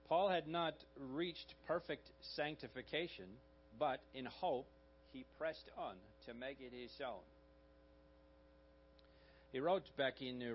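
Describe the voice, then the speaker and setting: A slightly hoarse man delivers a sermon at a mid pitch, easy and conversational, tossing in little asides to his listeners. The recording is dull and lo-fi, with a faint hum running underneath. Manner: conversational preaching with frequent "right?" asides. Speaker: pastor.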